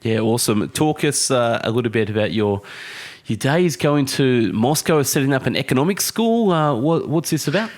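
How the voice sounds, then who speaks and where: A man's voice: mid-range voice, animated, normal speed. A man hosting an interview, giving short upbeat affirmations and asking questions. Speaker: podcast host.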